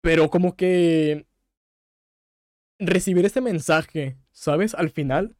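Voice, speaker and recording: A young Mexican man speaks in a fairly high voice, hosting his own podcast. He retells a story at length and gets openly emotional, swearing now and then. The sound is dry and close, with no room echo. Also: slow pace, a little mellow. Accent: Mexican Spanish. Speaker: podcast host. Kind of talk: casual solo podcast.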